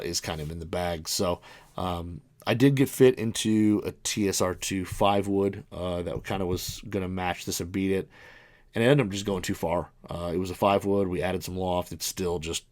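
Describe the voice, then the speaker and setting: Talking low and loose, a podcast host in his early forties rambles through a review of his golf clubs, stumbling over restarts and fillers. The recording has no echo.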